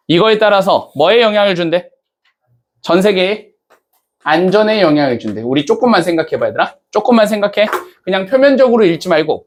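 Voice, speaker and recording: A man teaching an English class, casually checking in with students and asking them questions as he goes. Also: high voice. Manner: casual banter-style speech to students. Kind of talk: classroom lecture.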